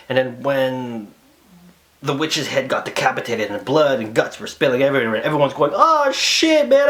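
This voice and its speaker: A man giving a casual, lively movie review, acting out quoted voices and dropping into whispered asides. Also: medium pitch.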